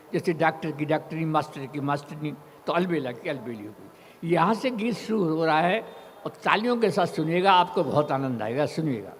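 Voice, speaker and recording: A man's voice: a little high, big-room sound, slight background noise. An older male poet on stage sings a comic poem, with a repeated refrain and chatty asides to the audience.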